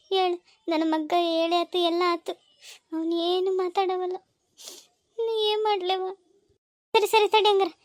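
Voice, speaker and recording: A woman's voice: extremely high pitch, dry recording, clean studio sound. A woman with a North Karnataka Kannada accent playing an anxious village mother in a family comedy-drama, talking in an emotional, pleading and scolding way.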